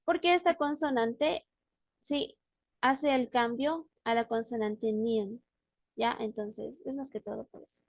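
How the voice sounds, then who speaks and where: A woman's voice: on the high side, steady tone, slow pace, dry recording. Patient woman teaching on a video call. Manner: patient, checks in often with the student. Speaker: language teacher. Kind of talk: online class.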